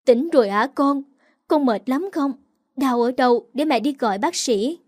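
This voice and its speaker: A worried mother asks tender, anxious questions, voiced by a woman reading the story. Her voice sits fairly high and sounds dry and close. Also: moderate pace, a little mellow, dry recording. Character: worried caring middle-aged mother.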